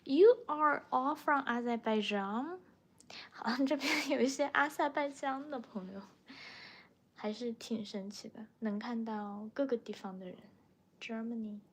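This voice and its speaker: Speaking with a fairly high pitch and a breathy edge, a young Chinese woman from Chongqing hosts a livestream and replies to viewers in casual chat. She is a native Mandarin speaker with a Chinese accent and works as a language teacher.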